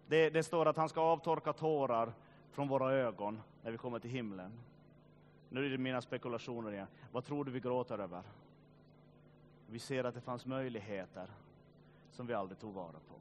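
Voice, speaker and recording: A man preaching a sermon, swinging between loud urging and quiet, grave passages, with joking asides to the congregation. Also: medium pitch, long pauses, a little hiss or hum. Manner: joking asides, addresses listeners directly. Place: church meeting.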